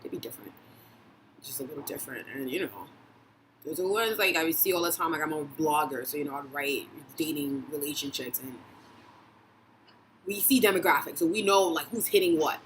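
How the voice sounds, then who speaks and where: A young woman from Brooklyn, New York, a vlogger and dating blogger, gives a passionate, blunt opinion monologue full of swearing and frequent laughs. Her voice is deep and brisk, and the poor audio has slight background noise.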